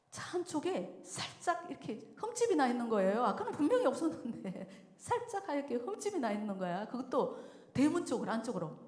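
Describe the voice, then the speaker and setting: Woman preaching in an echoey church. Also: fairly high pitch. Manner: lively storytelling, acting out quoted voices with frequent chuckles. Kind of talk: sermon at a mothers' prayer meeting. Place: church sanctuary. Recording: echoey church hall with long reverb.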